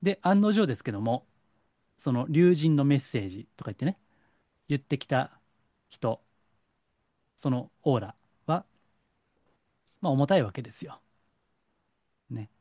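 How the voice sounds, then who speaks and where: A middle-aged man from Kansai with a Kansai accent, a psychic counselor giving a lecturing solo talk and slowing down to stress points. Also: mid-range voice, dry recording, clean studio sound. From Kansai, Japan. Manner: lecturing, animated, slows for stress. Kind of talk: solo monologue to camera.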